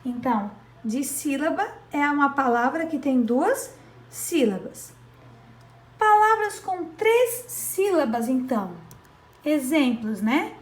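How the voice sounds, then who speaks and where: A woman teacher explaining a grammar lesson to children, slow and patient, drawing out syllables and often checking that they follow. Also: high voice, animated, roomy sound.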